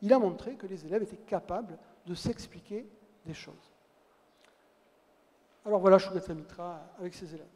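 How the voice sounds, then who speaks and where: A man's voice: sits high, normal speed, long pauses, dark tone. A man giving a public lecture, telling stories and dropping wry asides. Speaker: conference speaker. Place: large lecture hall. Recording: long hall reverb.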